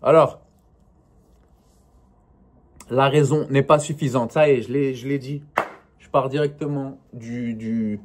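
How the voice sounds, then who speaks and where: A man's voice: mid-range voice, fairly even intonation, unhurried, long pauses. Male vlogger, casual solo monologue, hesitant, lots of "euh", restarts mid-sentence. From not northern France. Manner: rambling, hesitant with many fillers and restarts.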